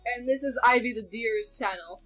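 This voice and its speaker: A young woman talks her way through a reaction video with a friend, rambling and often correcting herself mid-thought. Her voice sits a bit high, and faint music runs in the background. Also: moderate pace, a bit bright, breathy edge, rough recording. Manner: chatty and rambling, with sudden laughs and self-corrections. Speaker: video reactor, channel host. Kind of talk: casual reaction chat with a friend.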